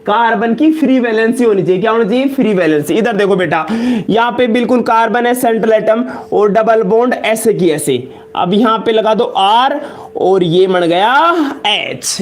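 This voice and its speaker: High-voiced man drilling a chemistry lesson. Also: moderate pace. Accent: Rajasthani Hindi. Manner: repeats questions to students, calls them beta and janab; loud, emphatic, drills points by repetition. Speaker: chemistry teacher. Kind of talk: live online lecture in Hindi.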